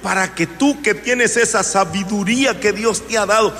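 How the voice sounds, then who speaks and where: A man in his seventies preaching a sermon in a slow, emphatic way, with rising exclamations. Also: sits high, fairly bright tone, soft background music. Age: 70s. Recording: hall reverb with faint noise.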